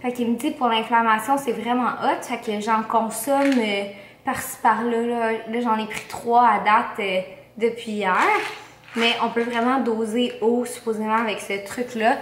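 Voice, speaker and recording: A young woman with a Québécois French accent talks in a fairly high voice, with a mouth swollen after having wisdom teeth out. She chats casually like a vlogger, dropping English slang into her sentences. The room adds noticeable echo. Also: fairly even intonation, unhurried. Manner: slangy, peppered with English words. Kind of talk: casual vlog chat. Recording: roomy echo, faint background noise.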